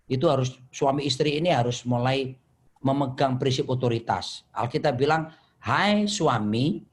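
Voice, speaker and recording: A man, a pastor, answering live questions about marriage conflict in a lively, storytelling way, acting out quarrels and quoting scripture. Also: mid-range voice. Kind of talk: answering questions in an online session.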